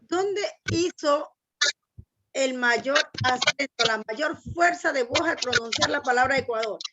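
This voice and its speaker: A woman's voice: sits high, measured pace, a loud crowd. A woman teacher giving an online language lesson, patiently explaining step by step and asking students to read aloud.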